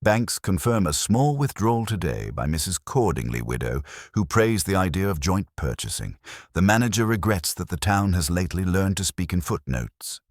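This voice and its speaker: This audiobook narrator, a man with an extremely deep voice, reads literary detective fiction formally, dryly and with measured pacing, while his pitch swings a great deal. The sound is close and dry, without any room.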